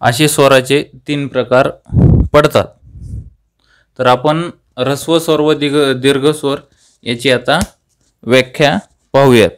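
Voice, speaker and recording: Key terms come slowly and repeatedly from a young man with a Marathi accent as he teaches grammar, asking questions and supplying the answers himself. The voice is mid-range, the tone steady.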